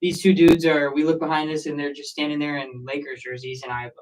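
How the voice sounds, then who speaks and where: Hyped-up guy, kinda high voice, slangy and loud about it, sounds a bit far off. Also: a little fast, a little hiss or hum. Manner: excitable, emphatic, slangy. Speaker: sports show co-host. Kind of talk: casual sports chat.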